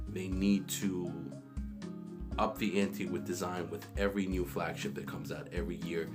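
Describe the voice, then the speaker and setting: A low-voiced man rambles casually about tech straight to his phone camera, full of restarts and fillers. He's in a small bathroom, so the sound is echoey, with guitar music playing in the background.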